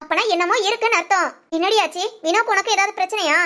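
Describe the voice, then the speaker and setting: A woman's voice: very high voice, quick pace, bright, forceful tone. A woman voicing a bossy, protective young friend in a cartoon, talking in a firm, scolding way. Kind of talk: cartoon voice acting.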